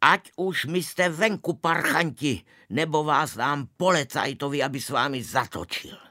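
A man doing a shrill, furious ticket-taker. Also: very animated, dry recording, clean studio sound. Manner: shrill, indignant shouting. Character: irritable middle-aged male cinema ticket-taker. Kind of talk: audiobook reading.

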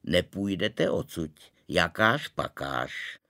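A man reading a storybook aloud, voicing a stubborn shopkeeper father who speaks curtly and low. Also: sing-song, sharp tone, exaggerated voice. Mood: gruff.

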